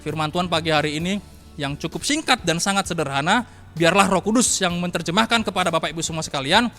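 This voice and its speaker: A man's voice: fairly high pitch, fast talker, pushed and bright, big-room sound, faint music behind. A man preaching a morning devotional sermon, emphatic and repetitive, often calling out to his listeners. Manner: emphatic, repeats phrases, addresses listeners as saudara.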